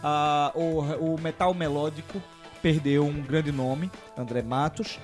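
A man's voice: a little high, steady tone, takes it slowly, over loud music. A man with a Recife accent hosting a casual podcast chat in a jokey, teasing way, moving the group from topic to topic. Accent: Recife, Pernambuco. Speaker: podcast host.

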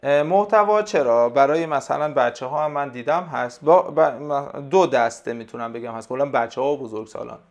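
A man, a language tutor, talking casually in an interview and explaining things hesitantly with many pauses and fillers. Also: medium pitch. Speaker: language tutor, podcast guest.

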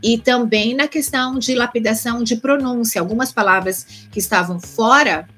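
A Brazilian woman with a somewhat high, husky voice chats as an interview guest. She strings thoughts into loose lists and often restarts mid-sentence. Soft music plays faintly behind her. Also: normal speed. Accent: Brazilian Portuguese. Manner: chatty, trails off into restarts and lists. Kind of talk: casual interview chat.

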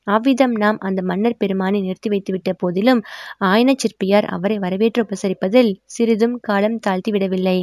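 A woman narrating a historical novel as an audiobook, in a formal, measured storytelling manner. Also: mid-range voice, darkish tone, dry recording, studio quality.

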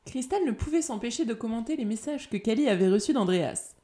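A woman reads a chapter of a novel aloud in an even reading voice. Her voice sits a little higher than most, and she keeps a steady, clear delivery. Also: brisk, noisy background. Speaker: audiobook narrator. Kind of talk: scripted narration.

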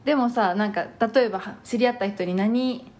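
A woman's voice: on the high side, a little fast, a little mellow. A woman in her thirties from Hokkaido with a light Hokkaido accent, co-hosting a podcast in rambling, giggly casual chat. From Hokkaido, Japan. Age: 30s. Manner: chatty, giggly, rambling with fillers. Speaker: podcast co-host.

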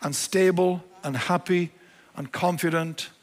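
A man's voice: sits high, fairly even intonation, measured pace, in a large hall. A male pastor preaching a sermon, emphatic and repeating his key phrases.

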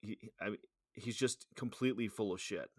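A man's voice: on the low side, brisk, husky, dry recording, studio quality. A man co-hosting a podcast in casual chat, swearing often and rambling through restarts. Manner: profane, rambling with frequent restarts.

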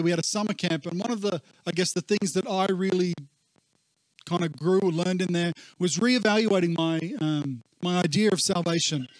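A high-voiced man speaks as a pastor in a conversational, wandering way. The recording is warbly and muffled, with an underwater gurgle to the voice, and carries little room sound. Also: no room sound. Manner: conversational, discursive. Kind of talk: informal church talk.

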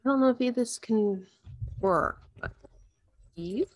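A woman co-hosting a casual podcast chat, answering knock-knock jokes and laughing easily. Her voice is fairly high and she talks slowly, in a relaxed, unhurried way. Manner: giggly, relaxed storyteller.

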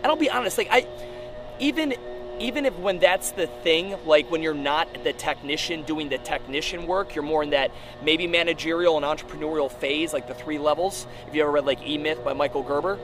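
A man's voice: on the high side, a little fast, over music. A man giving a blunt, profane, casual podcast monologue as a gym owner, speaking outdoors on a rooftop. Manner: profane, blunt, informal coaching talk. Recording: outdoor urban noise with traffic.

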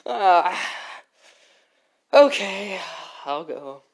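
A woman's voice: medium pitch, very animated, very slow, pitched below the performer's own voice, exaggerated voice. A woman voicing a meek, hesitant boy who stammers in a homemade comedy skit.

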